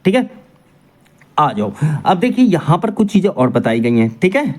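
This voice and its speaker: A man teaching an exam coaching lesson, his voice rising and falling in a wide, animated sweep. He puts questions to the class and answers them himself. He keeps checking in with his students as he goes. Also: a little high, moderate pace.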